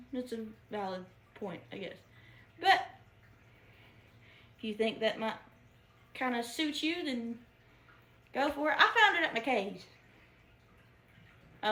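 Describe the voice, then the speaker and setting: A woman's voice: a little high, a bit bright. A woman giving a casual book review, chatty and giggly, with lots of fillers and restarts. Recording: echoey room.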